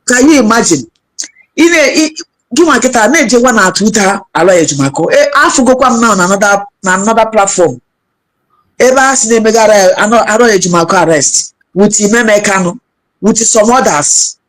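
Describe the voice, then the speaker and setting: A woman's voice: mid-range voice, expressive, fairly quick, low-quality recording. Agitated Nigerian Igbo woman calling in. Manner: agitated, repetitive. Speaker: caller. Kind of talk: impassioned call-in talk mixing languages.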